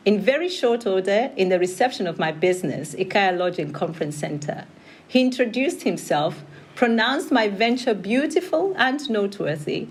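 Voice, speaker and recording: A woman's voice: medium pitch, breathy edge. A woman with a Kikuyu Kenyan accent hosting an interview podcast. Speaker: podcast host. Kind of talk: scripted introduction and warm interview chat.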